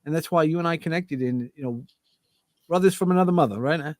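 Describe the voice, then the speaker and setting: A man's voice: on the high side, fast talker, no room sound. A middle-aged man with a Brooklyn New York accent, talking animatedly as a guest over a video call. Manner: animated, joking, self-interrupting. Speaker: podcast guest. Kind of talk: casual interview chat.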